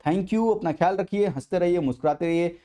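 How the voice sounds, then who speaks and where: A young exam coaching teacher lectures in a mix of Hindi and English, repeating points to stress them. His voice is high and mellow, and he talks a little fast.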